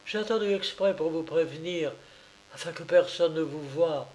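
A man's voice: high-pitched, a little slow, darkish tone, voice pushed up. A man reading aloud as a poor peasant mother, tearful, pleading and indignant. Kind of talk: audiobook character reading.

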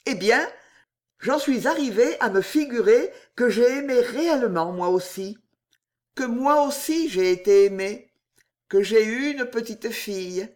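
A woman voicing an emotional young courtesan in an audiobook, heartfelt and impulsive, with her voice lifted higher. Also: lively intonation, measured pace, a little mellow. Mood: tender. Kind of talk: audiobook character reading.

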